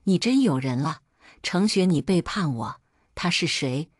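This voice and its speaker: A controlling, possessive husband who demands and accuses, voiced by a woman narrator. The voice stays low and is recorded close and dry, like a story narration. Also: expressive, measured pace, no room sound. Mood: demanding. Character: angry possessive husband, male adult.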